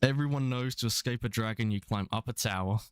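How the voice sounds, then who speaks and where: A mid-range, smooth male voice talks fast in clean studio sound with no room sound. He's a young Englishman in his twenties with a London accent, offering casual live-stream commentary on a game while rambling and chuckling.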